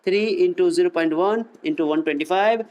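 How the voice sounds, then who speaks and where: A man's voice: sits high, fairly quick, darkish tone, clear, resonant tone, muffled recording. A male physics teacher works through problems. He teases and quizzes his students as he goes. He keeps the lecture playful and joking. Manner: teasing, jokey, quizzes the students.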